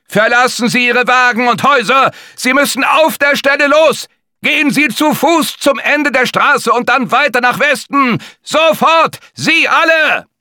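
A man shouting as an urgent evacuation officer. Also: very high voice, unhurried, no echo, studio quality, pitched above the performer's own voice, exaggerated voice. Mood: commanding, urgent. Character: man on a motorbike ordering an evacuation.

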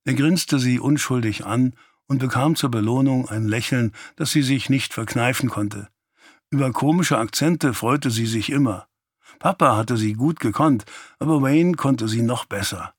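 Calm male audiobook narrator, dry. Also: mid-range voice, a little slow, slightly rough, no echo. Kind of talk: scripted narration.

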